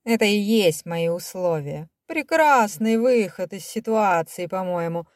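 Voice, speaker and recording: A woman's voice: mid-range voice, lively intonation, a little slow, no room sound, clean studio sound, natural voice. Woman voicing a sneering villainous baron. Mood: menacing. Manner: sneering, menacing. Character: cruel scheming German baron, adult man.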